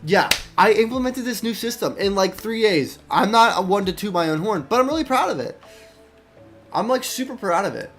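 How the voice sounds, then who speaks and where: A man's voice: high voice, expressive, a little fast, a bit bright, faint music behind. A young man, an indie game developer, chatting casually while showing his game, rambling with many restarts and thinking aloud. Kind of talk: casual dev stream chat.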